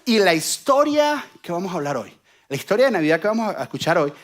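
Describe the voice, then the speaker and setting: A man preaching a sermon, telling a story and joking with the congregation in an animated way. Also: high-pitched, quick pace.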